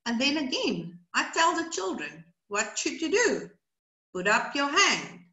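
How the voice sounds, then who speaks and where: A middle-aged South African woman, a native Afrikaans speaker, teaches brain training in a video-call webinar, rambling along with many fillers and repeated words. Her voice sits high and sing-song, unhurried, pushed and bright. Captured on a webcam in a small indoor room, the recording is rough and roomy.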